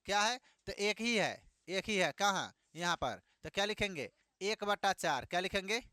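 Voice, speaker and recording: A man leads a classroom math lesson in a high, bright voice. He fires questions at the class and repeats every answer back to them. The sound is clean and resonant, with a dry, close feel. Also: animated, moderate pace, no room sound. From Bihar, India. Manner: call-and-response questioning, repeats each answer. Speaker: teacher.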